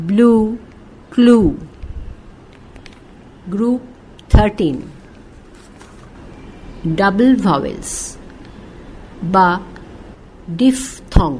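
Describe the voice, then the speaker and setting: A woman's voice: medium pitch, warm tone, low-quality recording. Woman, spelling drill, word by word, faint background noise. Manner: spells each word letter by letter, then says it and gives its meaning. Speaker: English teacher reading a textbook aloud. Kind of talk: slow spelling and pronunciation drill.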